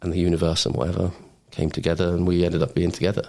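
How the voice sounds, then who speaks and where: Talking very fast in a low, creaky voice with a darkish tone and flat delivery, a former Royal Marine tells personal stories as a podcast guest. The storytelling is casual and anecdotal, delivered in a blokey, informal way with "mate," "man" and "bro."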